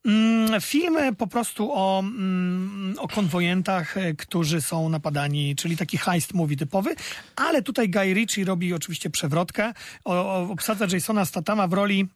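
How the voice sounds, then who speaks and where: A man's voice: sits high, normal speed, dry recording, studio quality. A man co-hosting a casual film review chat, talking with many hesitant fillers and restarts.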